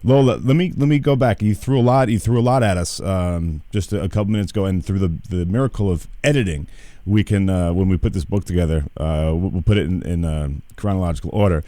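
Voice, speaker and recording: A man interviewing a guest on the radio, halting as he asks questions, often restarting and repeating words. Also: low-pitched, dark tone, dry recording.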